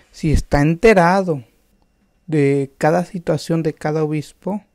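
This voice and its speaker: A man preaching a sermon, slow and emphatic, with rhetorical questions and frequent restarts. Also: a little high, a little mellow, dry recording, studio quality.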